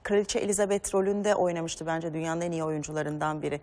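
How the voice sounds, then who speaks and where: A woman's voice: deep voice, a little fast, long reverb tail, crowd noise. A woman hosting a weekend talk show, chatting with theatre actors. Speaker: TV host. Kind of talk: casual TV talk.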